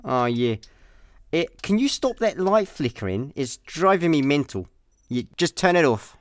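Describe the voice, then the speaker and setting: A male actor with a voice on the high side plays a chatty, deadpan intergalactic slacker, easygoing and scatterbrained, with a Scottish accent in a comedic sci-fi radio play. He speaks unhurriedly, in a tone of casual banter.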